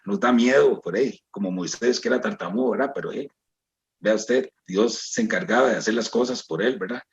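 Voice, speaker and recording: Through a muffled recording, a man's mid-range voice carries a heartfelt personal testimony to a congregation. His accent is Costa Rican Spanish, and he keeps repeating "hermanos" and "¿verdad?" as he calls out to them.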